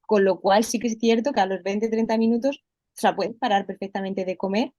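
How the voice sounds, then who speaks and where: A woman's voice: medium pitch, fairly even intonation, a little fast, mellow, no room sound. Chatty woman explaining, dry sound. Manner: explanatory, frequent fillers and restarts. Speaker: holistic health coach, guest. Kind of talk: conversational interview.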